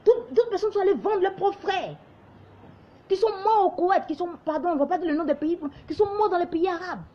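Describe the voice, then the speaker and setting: A young woman from Ivory Coast with a light Ivorian French accent delivers an impassioned, lecturing monologue to camera as an online commentator, exhorting viewers and mimicking others in quoted asides. Her voice is very high, warm, and fairly quick, and the sound is lo-fi.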